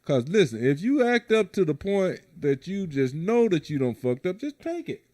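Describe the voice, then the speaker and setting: A middle-aged man hosting a podcast, telling profane, animated stories in casual banter. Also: high-pitched, moderate pace. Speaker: podcast host.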